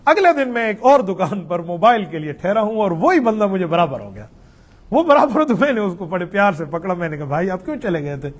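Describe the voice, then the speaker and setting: Middle-aged guy with a pretty high voice, chatty mufti answering questions, tells little stories. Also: sing-song. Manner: conversational, explains patiently, tells anecdotes. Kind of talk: religious Q&A with storytelling.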